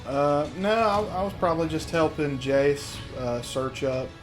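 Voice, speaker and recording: Soft-spoken halting male player. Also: on the high side, expressive, over music. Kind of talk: casual tabletop play.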